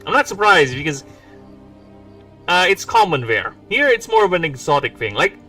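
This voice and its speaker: A man's voice: a little high, very animated, moderate pace, pushed and bright. A man in his forties from the Philippines with a mixed English accent, rambling and joking on a casual livestream. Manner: joking, rambling, self-mocking asides. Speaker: indie game developer streaming. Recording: distant mic with faint music. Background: faint background music.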